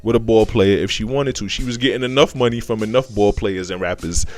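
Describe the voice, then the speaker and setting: A man's voice: fairly low pitch, brisk. An American man hosting a casual, opinionated commentary show, talking in slang and repeating phrases for emphasis.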